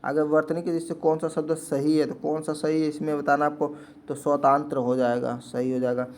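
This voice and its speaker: Male teacher, slightly higher voice, repetitive Q&A explainer for exam prep. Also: level tone, brisk, a little mellow, slight background noise. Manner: repetitive question-and-answer explaining.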